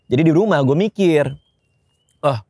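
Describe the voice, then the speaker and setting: A man's voice: on the high side, moderate pace, dry recording, clean studio sound. A comedian guest telling funny stories in a casual chat, laughing as he talks. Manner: animated storyteller, laughs while telling.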